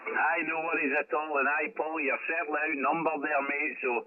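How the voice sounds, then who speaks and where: A man's voice: fairly high pitch, fairly even intonation, moderate pace, background noise. A Scottish man running an amateur radio net with casual, matey banter over a radio transmission. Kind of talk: casual ham radio chat. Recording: tinny narrowband radio with background chatter.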